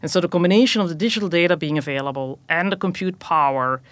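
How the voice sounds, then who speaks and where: A woman's voice: fairly low pitch, fast talker. A woman from Belgium, a technology executive, answering interview questions in long explanatory sentences with some fillers.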